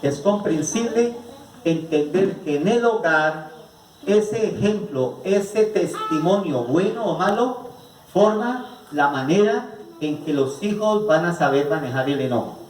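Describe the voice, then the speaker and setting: A man with a Colombian accent delivers a family psychology lecture, repeatedly asking the audience rhetorical questions. His voice sits a little high for a man. The recording is roomy and distant, with faint noise behind him. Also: lively intonation, unhurried, darkish tone. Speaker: psychologist giving a family conference. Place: rural venue with an audience. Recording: echoey room picked up from a distance.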